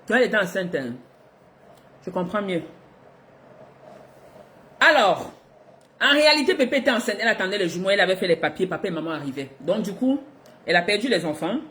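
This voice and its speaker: Woman from africa, middle-aged, casual storytelling vlog, expressive, laughing now and then, faint noise behind. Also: medium pitch, brisk, pauses often. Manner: lively, expressive, laughs between lines. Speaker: vlogger.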